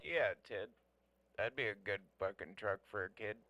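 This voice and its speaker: Over a very noisy, clicking CB radio, a man with a lowish voice chats casually about trucks at a normal pace. He's a CB operator who is blunt, opinionated and quick to swear.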